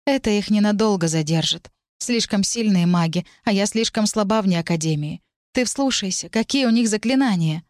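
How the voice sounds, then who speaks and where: A woman's voice: medium pitch, normal speed, darkish tone, dry recording, studio quality, natural voice. A woman voicing a tired young woman necromancer in an audiobook, speaking urgently and a little breathlessly.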